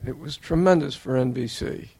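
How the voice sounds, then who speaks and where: An older man giving an earnest, measured tribute as interviewer, laying out his points one by one. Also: medium pitch, creaky, mellow, husky. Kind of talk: formal tribute speech.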